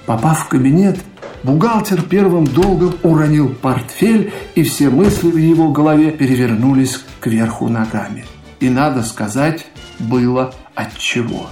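A man narrating a literary radio play in a measured, expressive storytelling manner. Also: on the high side, reverberant, soft background music. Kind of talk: literary narration in an audio drama.

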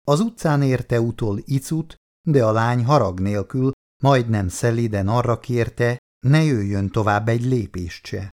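A man reading a novel aloud in measured narration. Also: mid-range voice, a little mellow. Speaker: reader.

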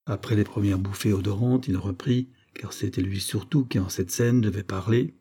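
A man narrating a novel in a low, mellow voice with a husky grain. His reading is measured and even, paced for listening. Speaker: audiobook narrator. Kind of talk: scripted narration.

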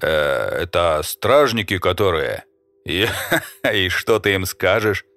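Pushy swaggering male trader, deep voice, mocking, voiced by a man, dry sound. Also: takes it slowly, a bit bright, no echo.

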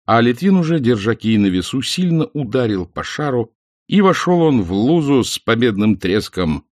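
A man narrating an audiobook with expressive storytelling. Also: mid-range voice, moderate pace, no room sound, studio quality.

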